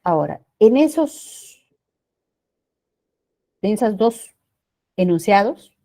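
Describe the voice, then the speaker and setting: Woman teacher going over grammar, slow and careful, warm low-key voice, keeps checking the class gets it. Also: expressive. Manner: addresses students as "jóvenes", checks in with "¿no?" and "¿ya?"; slow, deliberate explaining with stressed key words.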